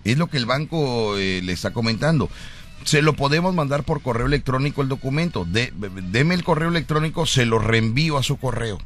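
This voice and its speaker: A man's voice: medium pitch, lively intonation, brisk. A man hosting a live radio comedy show, laughing and playful. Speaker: radio host.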